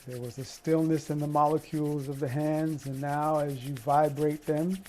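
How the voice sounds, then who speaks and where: A man leading a qigong energy meditation and prayer as an instructor, with an unhurried, encouraging, spiritual way of talking. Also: a little high, flat delivery, warm tone, slight background noise.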